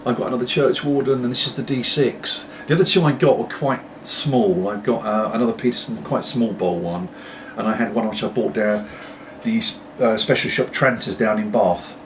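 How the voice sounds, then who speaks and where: A middle-aged British pipe-smoking vlogger speaks at a normal pace in a steady mid-range voice, barely pausing. He puffs his pipe through a meandering, casual chat to camera, with apologetic asides. Recorded at home off-mic, the background is clearly noisy.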